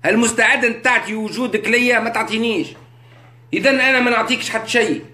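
A man with a Tunisian accent holds forth in a casual livestream and keeps checking that his listeners follow. His voice sits fairly high, and French phrases slip into his speech. The room around him is echoey. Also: fast talker, sharp tone. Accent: Tunisian Arabic. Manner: rhetorical, keeps checking understanding, mixes in French. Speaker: live streamer. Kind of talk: casual live-stream monologue. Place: indoors, live on social media.

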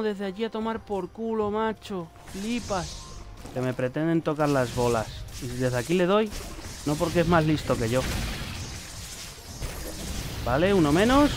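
A man with a Spain Spanish accent giving excitable gameplay commentary, swearing and shouting warnings at the screen. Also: fairly high pitch. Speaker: gaming youtuber.

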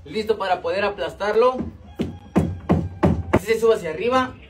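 A man with a Mexican Spanish accent narrating mock tutorials in a deadpan, step-by-step way. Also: high voice, moderate pace, over loud music. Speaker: comedy creator.

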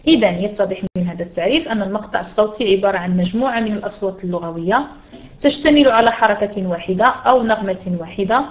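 A woman's voice: mid-range voice, quick pace, highs cut off. A woman teacher with a Moroccan Arabic accent gives a reading lesson in an online voice room. She explains step by step, switches between formal Arabic and dialect, and asks her listeners rhetorical questions.

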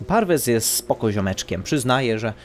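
A man's voice: medium pitch, big pitch swings, normal speed. Chatty man over game music. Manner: chatty, slangy. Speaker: gaming streamer. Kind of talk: casual let's play commentary.

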